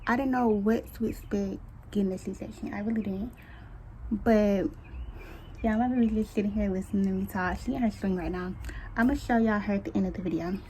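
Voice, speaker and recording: A teenage girl tells her story in a casual, chatty way, talking straight to her viewers. Her voice sits at an ordinary middle pitch. She speaks candidly and colloquially, with lots of quick asides, as a faint hum of ambience runs behind her. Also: steady tone, a little mellow, poor audio. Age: late teens. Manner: chatty, addresses viewers as y'all. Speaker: vlogger. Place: at home, baby nearby.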